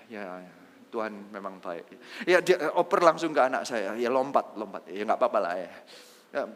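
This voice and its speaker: A man preaching a sermon as pastor, conversational and lively, asking the congregation questions and mixing in English phrases. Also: medium pitch, slight background noise. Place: church hall. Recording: livestreamed church service in a reverberant hall.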